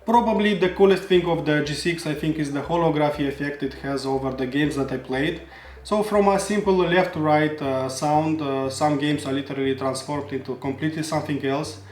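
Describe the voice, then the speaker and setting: A man's voice: fairly high pitch, a little fast, darkish tone. Man reviewing audio gear, roomy echo. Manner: earnest, explanatory, opinionated. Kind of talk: product review narration.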